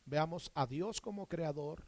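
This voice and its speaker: A man's voice: fairly high pitch, a little slow. A man teaching a Bible class, asking questions and answering them himself and having the class repeat words after him.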